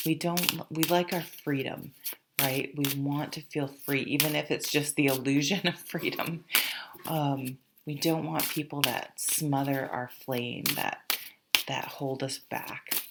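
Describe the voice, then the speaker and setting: A woman's voice: very deep voice, gravelly, noisy background. A woman giving a casual, conversational tarot horoscope reading, rambling informally with offhand asides. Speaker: tarot reader, channel host.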